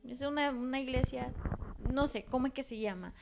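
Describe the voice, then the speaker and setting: Woman, 30s, interview guest; slightly high voice, halting, rambling storytelling. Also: gravelly, background noise. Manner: rambling, many restarts and fillers. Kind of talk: personal testimony in conversation.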